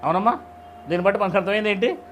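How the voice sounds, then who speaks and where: Speaking very fast, a preacher with a notably high voice leads a Bible study in a conversational sermon style. Plain, everyday storytelling mixes with frequent rhetorical questions aimed at listeners, over a faint underlying hum.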